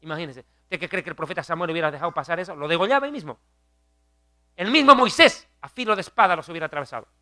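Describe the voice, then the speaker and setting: A man preaching a fiery sermon, emphatic and scornful, building up to loud mockery. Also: fairly high pitch, rapid-fire, hardly any pauses, dry recording, studio quality.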